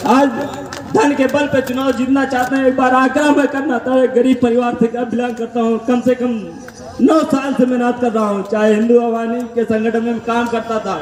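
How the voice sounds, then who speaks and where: A man pleads earnestly with voters in a campaign speech. His voice is extremely high for a man and carries through an echoing PA from far off. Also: flat delivery, moderate pace, a little mellow. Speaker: local election candidate. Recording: echoey PA, heard from far off.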